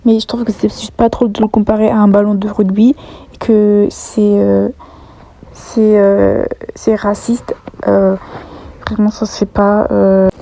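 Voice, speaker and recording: A woman's voice: mid-range voice, flat delivery, a little slow, creaky, warm tone, rough recording. A woman telling a storytime vlog, hesitant and full of fillers, often dropping to a half-whisper. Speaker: YouTuber telling online drama.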